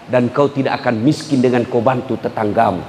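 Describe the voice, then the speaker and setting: A middle-aged man giving a humorous sermon to a live audience, joking and teasing and breaking into sudden shouts. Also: mid-range voice, brisk, a little hiss or hum. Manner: lively, joking, jumps to sudden shouts, teases listeners. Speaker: preacher. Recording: echoey hall with faint crowd ambience.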